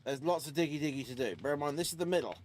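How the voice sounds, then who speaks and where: A man's voice: on the high side, animated, very fast, slight background noise. A man rambling casually over his gameplay, talking to himself and his teammates. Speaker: gaming streamer.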